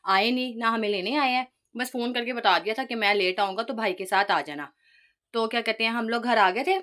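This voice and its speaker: High-voiced chatty woman vlogger. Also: fairly bright tone. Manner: chatty, narrating family moments as they happen. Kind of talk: casual family vlog narration.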